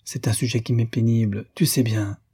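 A man's voice: mid-range voice, steady tone, moderate pace, dark tone, husky. A man voicing a touchy, lovesick young man who speaks in a plaintive, pained way.

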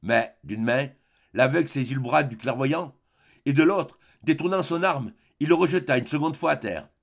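Gravelly male audiobook narrator. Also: medium pitch. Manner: measured, dramatic.

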